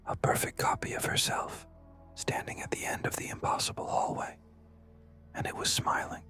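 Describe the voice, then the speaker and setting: With music in the background, a narrator whispers a scary story in a breathy, hushed voice, using short, dramatic phrases to build suspense.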